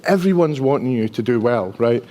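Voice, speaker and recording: In a low-quality recording, a mellow, mid-range male voice speaks a little fast with lively intonation. He's a Dundonian IT engineer in his fifties from Dundee, Scotland, with a strong local accent, presenting informally at a conference in a chatty, self-deprecating way and often ending with "right?".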